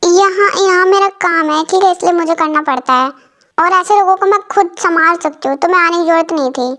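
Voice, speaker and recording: A woman's voice: extremely high pitch, brisk. Woman voicing a feisty young waitress. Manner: sharp-tongued, defiant.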